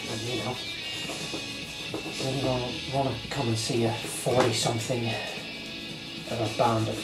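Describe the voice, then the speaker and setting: A man's voice: mid-range voice, level tone, measured pace. A man in his late thirties, a little stuffy from a cold, talking casually and reflectively with lots of fillers while he works. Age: 30s. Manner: rambling and reflective, many fillers. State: slightly congested from a cold. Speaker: guitar channel host. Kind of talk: casual rambling talk while working. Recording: echoey room with loud music behind.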